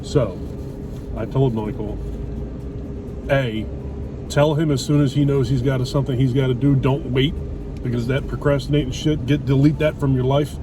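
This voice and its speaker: A middle-aged man's mid-range voice keeps a fairly even intonation at normal speed, broken by long pauses. He's a vlogger in casual chat with his wife over a meal, blunt and opinionated with light swearing. Loud traffic and cars are heard, and the mic is distant.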